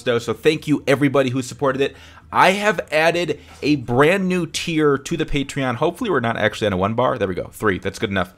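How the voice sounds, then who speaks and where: A man's voice: medium pitch, a bit bright. A young man hosting a casual live stream, talking in an upbeat, rambling way that often corrects itself. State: hiccuping.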